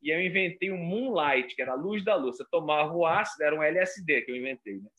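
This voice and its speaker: A comedian from Rio de Janeiro with a carioca accent, telling stories in a casual chat and acting out voices. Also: male voice, on the high side, quick pace, highs cut off. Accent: Rio de Janeiro Portuguese. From Rio de Janeiro, Brazil. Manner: animated, acts out voices in his stories. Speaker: comedian guest. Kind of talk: casual storytelling.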